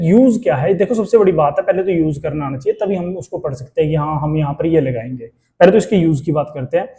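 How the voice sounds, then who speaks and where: A man teaching an English grammar lecture in Hindi, asking the class rhetorical questions and reading English phrases out slowly. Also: sits high, mellow.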